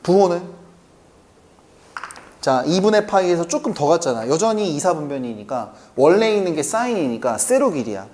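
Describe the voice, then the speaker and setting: A man teaching a math lesson, who keeps asking the class quick questions and then answers them himself. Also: a little high, sing-song, a little mellow. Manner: keeps checking in with quick rhetorical questions to students; answers his own questions aloud.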